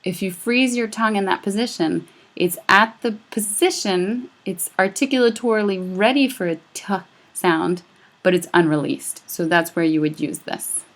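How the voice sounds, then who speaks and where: A woman's voice: medium pitch, normal speed. A woman teaching a recorded lecture, explaining step by step and saying sample sounds aloud to show them. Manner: patient, explanatory, demonstrates speech sounds aloud. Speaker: instructor.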